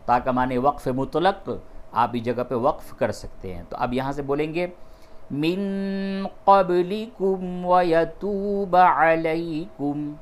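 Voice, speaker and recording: A man's voice: medium pitch, slight background noise. Patient male Quran reading teacher. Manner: patient, explains rules step by step and repeats key terms; switches between plain explanation and slow, drawn-out melodic recitation. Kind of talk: step-by-step tajweed lesson.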